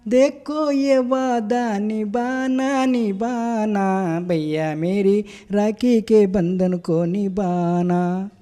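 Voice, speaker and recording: A man voicing a young wife who sings slowly and off-key in a high voice. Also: mellow, exaggerated voice. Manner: high, drawn-out off-key singing.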